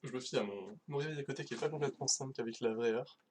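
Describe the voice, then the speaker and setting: A man's voice: mid-range voice, fast, darkish tone, slight background noise. A man giving a casual live-streamed technical talk, hesitant, with many fillers and restarts. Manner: casual, self-deprecating. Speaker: conference speaker.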